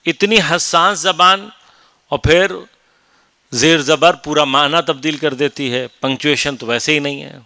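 A man giving a measured, explanatory religious lecture on Quranic commentary, rising into emphatic stretches. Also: fairly high pitch, fairly even intonation, sharp tone, no echo.

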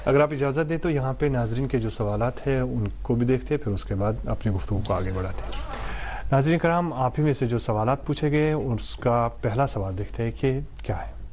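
A man's voice: mid-range voice, muffled recording, a little hiss or hum. A man hosting a studio discussion, courteous and polite, introducing viewer questions and agreeing often. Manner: courteous, keeps agreeing with short interjections. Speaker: talk show host.

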